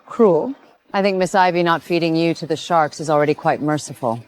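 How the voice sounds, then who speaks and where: An actress playing a cool, dismissive assistant turning visitors away in a screen drama. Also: female voice, deep voice, a little fast, close to an everyday voice. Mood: cool, cutting.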